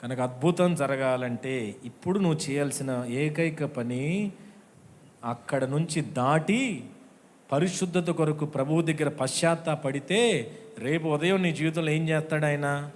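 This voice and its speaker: At a watch night church service, a pastor with an Andhra Telugu accent delivers a sermon in a high-leaning, somewhat slow voice, with slight background noise. He acts out the voices he quotes and calls questions out to his listeners.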